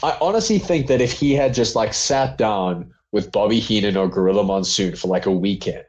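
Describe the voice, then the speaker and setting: A man's voice: on the low side, a little fast, darkish tone. A man co-hosting a casual wrestling review podcast, rambling with lots of fillers and laughs. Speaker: podcast co-host.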